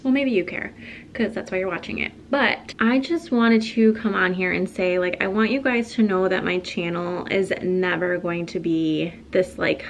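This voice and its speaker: A woman's voice: mid-range voice, normal speed, slight background noise. A young woman and stay-at-home mom vlogging casually to the camera at home, chatty and filling her talk with "like", tearful as she opens up. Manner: chatty, filler-heavy, emotional and tearful in the coffee chat. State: crying.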